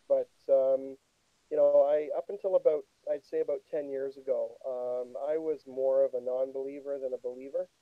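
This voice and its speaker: A middle-aged or older man from Canada talking haltingly and apologetically, muddy through a speaker rigged up as a microphone. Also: mid-range voice, no room sound. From Toronto, Canada. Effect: muddy sound of a speaker used as a microphone. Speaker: call-in guest. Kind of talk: hesitant casual account. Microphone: computer speaker wired up as a microphone. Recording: muffled phone-like jury-rigged speaker mic.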